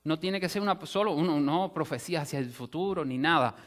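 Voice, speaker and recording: A man's voice: on the high side, fairly quick, fairly bright tone. A male pastor teaching a sermon in an explanatory way, often restarting phrases and rephrasing with asides. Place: church sanctuary.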